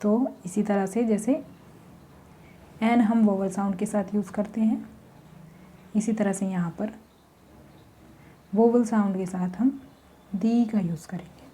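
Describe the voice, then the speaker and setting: A woman teaching a grammar lesson, slowly explaining step by step with examples. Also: medium pitch, steady tone, warm tone.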